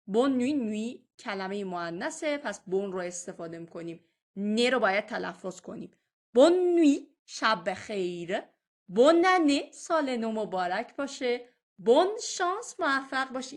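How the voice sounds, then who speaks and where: A woman teaching French vocabulary in a recorded lesson. She says each French phrase slowly and clearly, then explains it in a softer voice. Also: medium pitch. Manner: patient and explanatory.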